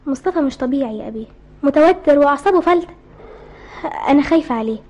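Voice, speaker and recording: A woman's voice: high voice, animated, very fast, a little mellow. An actress with an Egyptian accent playing a loving, worried sister coaxing her brother in a radio drama. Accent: Egyptian Arabic. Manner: coaxing, concerned.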